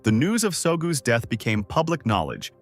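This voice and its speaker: A man narrating a comic recap in a steady, scripted storytelling delivery. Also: mid-range voice, moderate pace, faint music behind.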